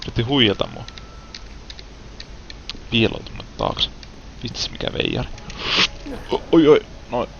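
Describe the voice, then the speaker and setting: A man's voice: medium pitch, huge pitch swings, creaky, long pauses, lo-fi sound, a little hiss or hum. A young Finnish man giving casual gameplay commentary, with frustrated outbursts and English words mixed in. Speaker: gaming let's player.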